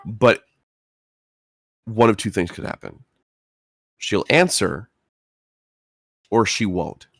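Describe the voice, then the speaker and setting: Low-voiced man chatting at a game table. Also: expressive, dry recording, studio quality. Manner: thoughtful, halting explanations with pauses. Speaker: player in a tabletop role-playing game. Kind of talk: casual game-table chat.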